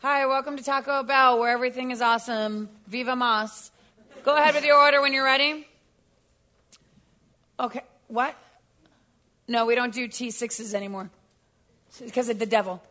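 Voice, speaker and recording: An actress playing a bored fast-food drive-thru worker, talking to customers over the drive-thru speaker headset with a quick, offhand greeting. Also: female voice, a little high, steady tone, bright, forceful tone.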